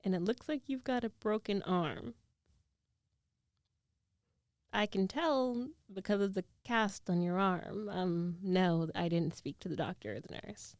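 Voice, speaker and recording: Speaking softly and haltingly into a close mic, a woman plays a concerned, teasing young ex-girlfriend in an intimate ASMR roleplay. Her medium-pitched voice is recorded dry and only lightly acted, with a wry, teasing mood.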